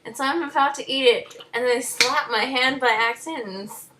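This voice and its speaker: A woman's voice: sits high, a little fast, background noise. A teenage girl chatting casually with a friend, rambling with lots of "like"s and giggling often. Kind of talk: casual chat.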